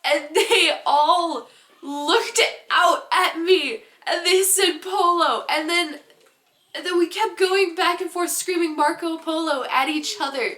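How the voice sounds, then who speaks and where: A teenage girl vlogger telling a casual story-time tale in an animated, giggly, rambling way. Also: very high-pitched, takes it slowly, roomy sound.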